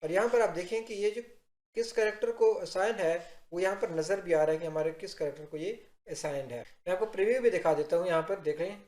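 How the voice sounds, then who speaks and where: A man giving a software tutorial, explaining step by step and addressing viewers directly in an instructional narration. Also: high-pitched, a little fast. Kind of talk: instructional screen-recording narration. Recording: roomy, echoing voice-over.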